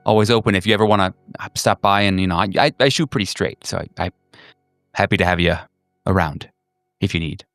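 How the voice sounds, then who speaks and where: A kindly, hesitant woman acted out by a man in a tabletop game. The voice is low and smooth and friendly, with faint music behind it. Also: a little fast, a bit bright, dry recording. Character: kindly, straight-shooting female hospital acquaintance. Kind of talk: tabletop role-play.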